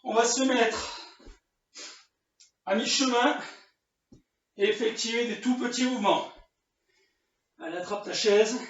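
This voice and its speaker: A man's voice: extremely high pitch, takes it slowly, long pauses. A man leading a home workout, counting reps aloud and grunting with effort as he coaches. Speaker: fitness coach. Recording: distant, roomy, dull sound.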